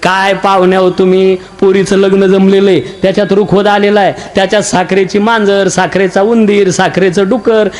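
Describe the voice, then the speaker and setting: A man with a high, bright-sitting voice leads a comic kirtan sermon. He jokes with the old women in the crowd and slips into quick acted exchanges between husbands, wives and guests. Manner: jokey, addresses elderly women in the audience, acts out dialogue. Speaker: kirtan preacher.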